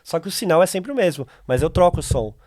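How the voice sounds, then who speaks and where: A Brazilian man, CEO of a voice company, appears as a podcast guest and explains things conversationally with practical examples, in a Brazilian Portuguese accent. His voice is a little high and a little mellow, sing-song and fast, recorded in studio quality with no room sound.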